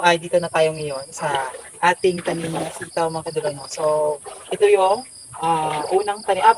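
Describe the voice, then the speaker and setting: A young man casually touring his bean garden outdoors for a vlog, speaking haltingly with many fillers and stumbling over his words, as if filmed on a phone. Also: a little high, background noise. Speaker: farming vlogger.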